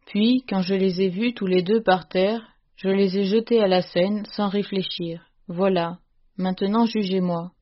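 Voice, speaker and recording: A woman reading a story aloud at a steady, measured pace. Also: mid-range voice. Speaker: reader. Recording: muffled lo-fi recording.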